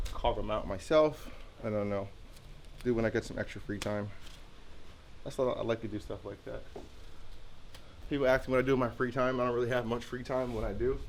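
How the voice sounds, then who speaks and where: A man's voice: fairly low pitch, a little hiss or hum. A man with a congested, sniffly voice, chatting casually in a vlog while feeding his dogs at home. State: congested from allergies. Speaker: animal vlogger.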